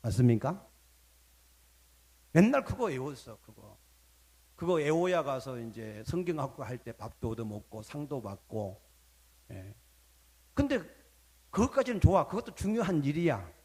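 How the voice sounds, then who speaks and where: A man, a pastor, preaching a sermon, asking his congregation questions and calling for amens, with sudden drops to a low murmur at phrase ends. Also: sing-song, moderate pace, long pauses, slightly rough. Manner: dramatic swings in loudness, dropping low at phrase ends.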